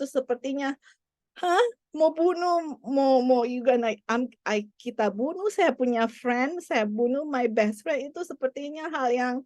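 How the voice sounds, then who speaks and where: Earnest higher-voiced woman giving testimony. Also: darkish tone, no room sound, clean studio sound. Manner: earnest, repetitive storytelling. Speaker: mother sharing a family testimony.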